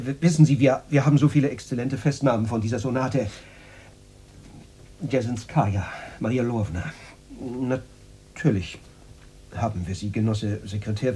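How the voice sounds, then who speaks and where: A male actor with a medium-pitched, dark, slightly rough voice plays a flustered, servile Moscow radio director in a radio drama, stammering nervously and repeating himself. The recording is noisy and carries a hum.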